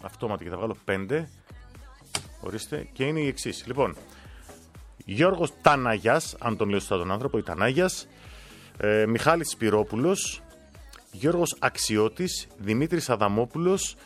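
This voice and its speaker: Guy running a giveaway draw on stream, lively up-and-down voice, chatty and jokey, faint music behind. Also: mid-range voice. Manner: chatty, joking asides, reads names aloud. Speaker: host drawing giveaway winners. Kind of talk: casual live-stream chat.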